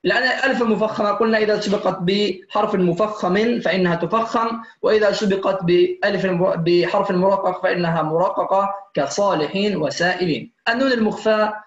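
High-voiced man teaching recitation online. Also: roomy sound, dull audio. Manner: patient, addresses students warmly as dear ones; models recitation examples slowly. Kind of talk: online tajweed lesson.

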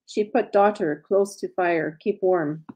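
A woman's voice: fairly low pitch, unhurried, warm tone, slightly rough. A woman reading the lines of a village translator who speaks in broken English with short, blunt phrases. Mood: matter-of-fact. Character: local woman translator, plain-spoken. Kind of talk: reading aloud from her own story.

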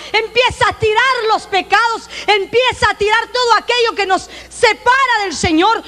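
A woman pastor with a Honduran accent, preaching a sermon emphatically to a congregation. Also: very high-pitched. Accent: Honduran Spanish. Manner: emphatic, preaching loudly with acted-out quotes. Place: church sanctuary. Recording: long reverb of a church hall.

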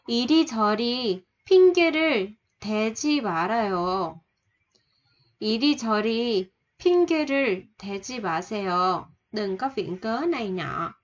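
A woman teaching vocabulary, repeating each word and example sentence and then explaining it slowly. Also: medium pitch. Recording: slightly dull, lo-fi sound.

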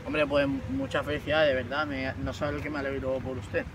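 Teen boy, prank caller, faux-official manner, far-off outdoor recording with steady noise. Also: medium pitch, brisk, gravelly. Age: teens. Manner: formal official tone, hesitant fillers. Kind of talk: prank phone call. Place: outdoor park bench. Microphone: phone on speaker, far camera.

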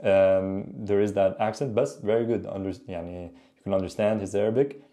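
A man's voice: lowish voice, steady tone, fairly quick, warm tone. A man in his thirties giving casual reaction commentary and language tips in a conversational, explanatory way. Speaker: host, Arabic teacher. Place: small indoor room.

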